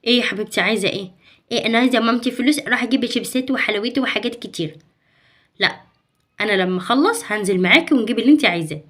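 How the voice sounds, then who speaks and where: Woman as a fretful Egyptian mom, high-pitched and very fast, hushed and soothing, family skit. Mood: firm. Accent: Egyptian Arabic. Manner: anxious, hushed, reassuring. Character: worried devoted young mother of two. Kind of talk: home-made family sketch acting.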